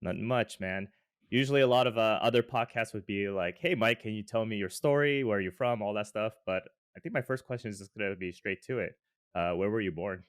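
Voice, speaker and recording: A man's voice: fairly low pitch, a little fast, clean tone, no room sound, studio quality. A young man hosting a podcast over a video call, asking questions in an easygoing way and laughing along with his guest. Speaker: podcast host. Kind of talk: casual interview and scripted intro. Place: home room, on a video call.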